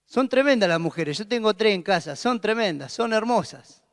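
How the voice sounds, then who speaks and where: A man preaching a sermon, emphatic and repetitive, swinging from loud exclamations to hushed tones. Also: high-pitched, animated, moderate pace. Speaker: pastor. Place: church hall. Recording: long hall reverb.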